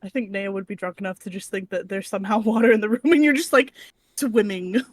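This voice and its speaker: A woman's voice: medium pitch, fast talker, no echo. A woman playing a tabletop role-playing game, chatty and rambling as she describes her character. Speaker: player. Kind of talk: casual tabletop role-play.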